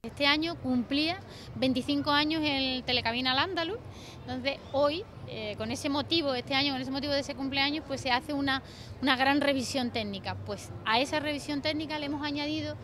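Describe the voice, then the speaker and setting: A woman's voice: high voice, fairly quick, fairly bright tone, slight background noise. A woman in her fifties, a ski resort executive, explaining plans to reporters into handheld mics at a busy indoor trade fair. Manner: explanatory, restarts with "pues". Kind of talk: press interview. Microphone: handheld press mics held close.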